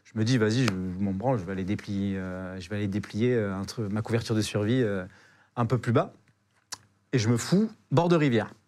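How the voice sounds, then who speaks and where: A man's voice: lowish voice, brisk, darkish tone. A young man, a podcast guest, telling an adventure story in a casual, slangy way, with lots of hesitations and repeated words.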